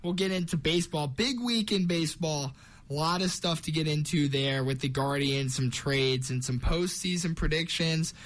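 A man's voice: a little high, normal speed, fairly bright tone. A young man hosting a college sports radio show in a casual, chatty way. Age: young adult.

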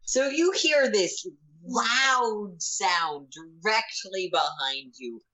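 A woman acting as game master, narrating a tabletop role-playing game in a halting, thinking-aloud way. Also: mid-range voice, expressive, pushed and bright.

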